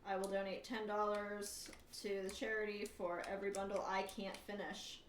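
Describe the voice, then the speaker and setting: A woman with a mid-pitched voice gives casual live commentary on her game. She thinks aloud and addresses viewers with understated, dry wit. The sound is roomy and a little distant from the mic. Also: little pitch movement, normal speed. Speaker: livestreamer hosting a charity gaming stream. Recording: roomy echo, off-mic, faint background noise.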